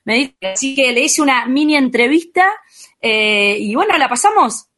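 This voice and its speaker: A woman's voice: sits high, animated, normal speed, fairly bright tone. Enthusiastic woman radio reporter. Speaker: field reporter on a radio show. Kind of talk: casual radio chat.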